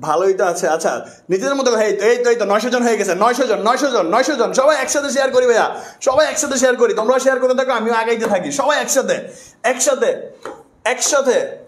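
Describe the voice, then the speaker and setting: High-voiced young male tutor, echoey room. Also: fast talker. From Bangladesh. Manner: casual, bantering with viewers, repeats words for emphasis. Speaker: online tutor. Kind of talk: live online class, chatty and joking.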